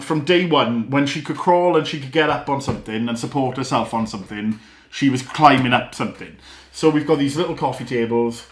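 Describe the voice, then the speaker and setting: A man's voice: a little high, roomy sound. A young man, a father, talking casually to the camera at home, earnest and rambling, with small laughs and restarts. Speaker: father and vlogger. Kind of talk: casual vlog talk to camera. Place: living room at home.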